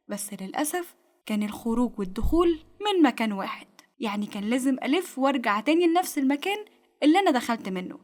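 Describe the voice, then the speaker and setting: A woman with an Egyptian accent narrating a first-person story in a brisk, tense way. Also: high-pitched. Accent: Egyptian Arabic.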